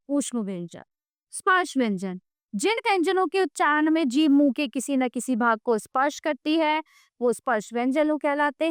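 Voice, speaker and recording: A woman's voice: sits high, dry recording, clean studio sound. A woman teacher giving a grammar lesson to young children, patiently checking that they follow and spelling out sounds one by one.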